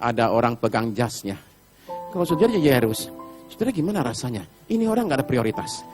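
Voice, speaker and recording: A middle-aged man preaching a sermon, telling Bible stories in an animated way and acting out the characters. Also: medium pitch, fast talker, music in the background. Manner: animated storytelling, acts out Bible characters with shouted pleas. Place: church hall.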